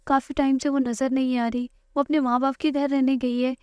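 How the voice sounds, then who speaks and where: A woman recounting a drama's plot in a steady, scripted storytelling read. Her voice is high. The recording is dry and close, with no room sound at all. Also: smooth, no room sound. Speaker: drama review narrator. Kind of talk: scripted narration of a drama recap.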